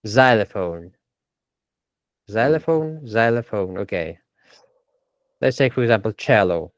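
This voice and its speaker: Low-voiced man teaching pronunciation. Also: animated, a little slow, no echo. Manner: hesitant, repeats words to model pronunciation. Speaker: English teacher. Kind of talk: online language lesson.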